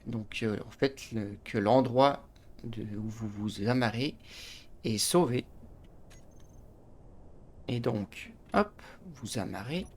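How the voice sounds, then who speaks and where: A man's voice: mid-range voice, slow, pauses often, slight background noise. A man hosting a gaming channel, explaining a space game step by step with frequent restarts and little interjections. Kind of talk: game tutorial commentary.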